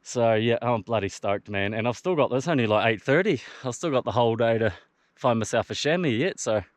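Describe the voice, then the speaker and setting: Male outdoor vlogger, mid-pitched, broad Kiwi accent, laid-back slangy delivery with mild swearing. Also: a little fast, no room sound. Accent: broad New Zealand. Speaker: hunter filming own trip. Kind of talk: casual outdoor vlog talk. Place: outdoors on open mountain tops.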